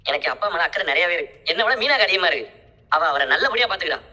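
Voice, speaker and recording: Brief: woman voicing a firm grown son, husky and fast, echoey. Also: lowish voice, animated, pushed and bright, exaggerated voice. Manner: reasoning, rapid and firm. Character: grown son, calm rational family man. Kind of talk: dramatic serial dialogue retelling. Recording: long reverberant echo.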